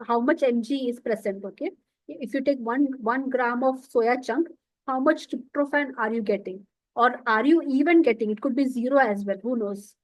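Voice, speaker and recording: A high-pitched woman lectures over a computer mic on a video call. She explains patiently, repeating key terms and checking in often. The sound is dry and close. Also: no room sound, low-quality recording. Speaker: nutrition lecturer. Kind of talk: online lecture.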